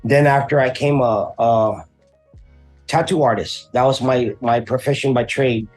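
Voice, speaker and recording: Speaking a little slowly in a mid-range, darkish voice, a Hawaiian man who works as a custom painter and tattoo artist shares his story in a relaxed interview. His talk is slangy and laid-back, wandering between points with plenty of fillers, and faint music plays in the background.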